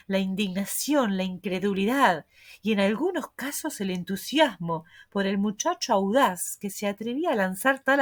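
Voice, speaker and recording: A woman narrating a classic mystery novel as an audiobook, in a measured storytelling manner. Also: mid-range voice.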